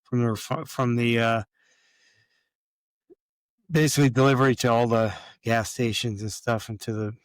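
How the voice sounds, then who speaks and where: A man from Jamaica, a yacht captain, talking as a guest in a relaxed, hesitant way with many fillers. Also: mid-range voice, normal speed, long pauses, no room sound. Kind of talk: casual interview chat.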